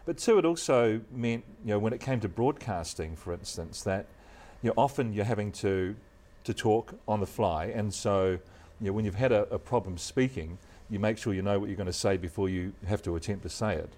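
Deep-voiced and middle-aged, a New Zealand news presenter takes a guest spot in an easygoing interview chat, talking in a calm, unassuming, measured way.

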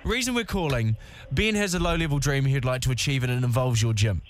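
A man's voice: mid-range voice, brisk, slight background noise. A male radio co-host with a New Zealand accent, trading casual comic banter and teasing quips. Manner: teasing, quipping.

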